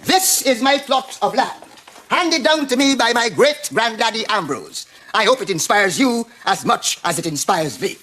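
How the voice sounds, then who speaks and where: An actor playing a fussy, insistent shop owner in a sitcom. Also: male voice, very high-pitched, lively intonation, normal speed, sharp tone, exaggerated voice. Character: bossy older male barber dreaming big. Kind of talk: sitcom acting.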